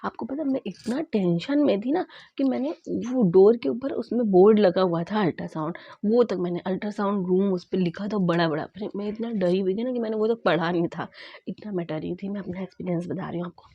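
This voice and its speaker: A woman vlogger casually recounting her own experience, acting out both sides of the conversations in a lively way. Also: mid-range voice, a little fast, breathy edge, dry recording, muffled recording. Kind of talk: casual storytelling vlog.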